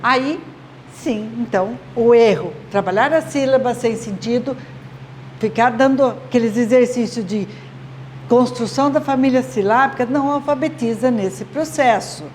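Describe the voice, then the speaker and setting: A woman, a literacy teacher explaining to parents slowly and patiently, often checking they follow. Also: a little high, a little mellow, slight background noise. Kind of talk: instructional video talk to parents.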